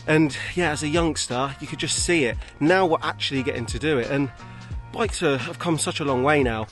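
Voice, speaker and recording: A man from Bedfordshire, England, with an English accent chats casually to camera as a vlog host outdoors. His voice is on the high side, fairly quick and fairly bright, with faint music in the background.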